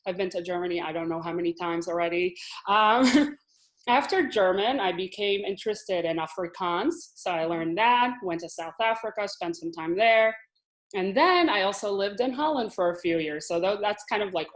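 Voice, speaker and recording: Heard through a rough recording, this Hebrew teacher speaks in a lowish voice at a moderate pace. Originally from Israel and in her thirties, she chats casually about her life as an interview guest, laughing a lot and starting over at times.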